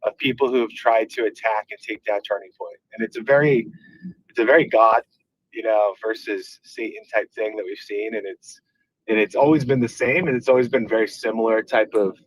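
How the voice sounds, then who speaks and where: A man's voice: on the low side, fairly even intonation, a little fast, no echo, poor audio. A man calling in from his car over the speakerphone, talking earnestly and rambling with many restarts. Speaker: caller, activist organization leader. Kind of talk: casual call-in remarks. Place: driving in a car.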